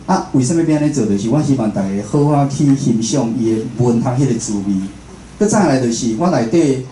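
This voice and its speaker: Speaking animatedly and a bit fast, a radio station director and show host with a Taiwanese accent delivers a casual lecture indoors, chatting with the crowd and frequently asking them questions. His voice is mid-range and dark, and the recording carries roomy echo and faint background noise.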